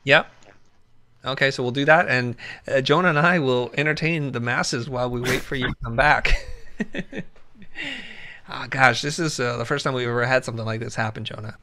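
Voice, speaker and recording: A man hosting a casual livestream chat on a video call, jokey and quick to laugh. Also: medium pitch, sharp tone. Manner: jokey, laughs often, slips into whispers. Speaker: host.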